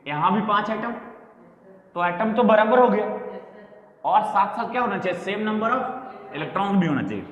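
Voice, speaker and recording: High-voiced male teacher, echoey classroom. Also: a bit bright. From India. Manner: explains step by step, keeps checking with the class; drawls key terms slowly while writing them out. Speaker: chemistry teacher. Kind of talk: classroom lecture. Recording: echoey classroom with long reverb.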